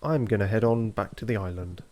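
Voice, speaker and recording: Reading out viewer comments as he goes, a man gives casual let's-play commentary on a gaming video in a relaxed, chatty way, his voice occasionally breaking. It sits on the low side and moves fairly quickly, with slight background noise.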